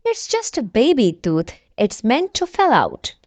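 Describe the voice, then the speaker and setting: A woman's voice: a little high, huge pitch swings, unhurried, no echo, full character voice. A woman voicing a kindly, reassuring mother pig in a children's storybook.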